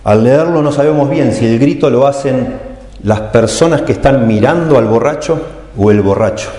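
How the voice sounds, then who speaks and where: A pastor preaches a sermon, explaining scripture and voicing its cries with emphasis. His voice is medium-pitched and warm, at a normal pace, and the recording has the long reverb of an echoey hall.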